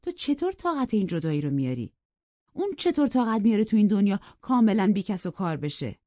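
A woman voicing a sensible older housekeeper who gives firm, measured counsel. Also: mid-range voice, big pitch swings, dark tone, no room sound, voice pushed up, close to an everyday voice. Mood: cautioning. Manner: measured, cautioning. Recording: dry, dull lo-fi recording.

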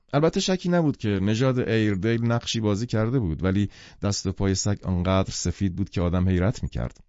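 A man reading a novel aloud in a measured, expressive way, his voice low and dark with lively rises and falls in pitch. The recording is dry and a little dull in tone. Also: no echo. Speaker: audiobook narrator. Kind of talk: scripted literary narration.

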